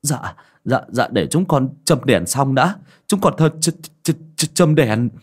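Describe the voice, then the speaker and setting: A man's voice: medium pitch, sing-song, takes it slowly, voice pushed up. A man voicing a terrified teenage boy servant who stammers in panic. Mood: panicked.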